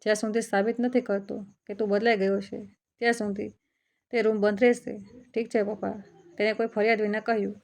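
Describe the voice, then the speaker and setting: Flat, gravelly woman storyteller. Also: mid-range voice, brisk. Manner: calm, even storytelling in first person as a father. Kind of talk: scripted narration of a family story.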